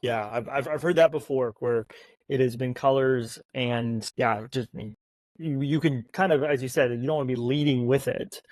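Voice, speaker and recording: A man's voice: mid-range voice, normal speed, darkish tone, no echo. A male podcast host asking questions in a casual, rambling way, restarting as he goes.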